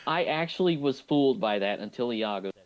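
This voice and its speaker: A man co-hosting a movie podcast, chatting casually and enthusiastically about an animated film, often restarting his sentences. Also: mid-range voice, brisk, poor audio. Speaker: podcast co-host.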